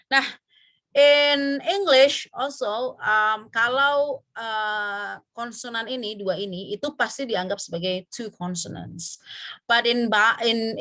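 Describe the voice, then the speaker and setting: A woman with an Indonesian accent teaching an English pronunciation class, drawing out example words slowly and pausing with fillers. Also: mid-range voice, sharp tone. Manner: slow, drawn-out example words with many fillers. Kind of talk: online class lesson mixing Indonesian and English.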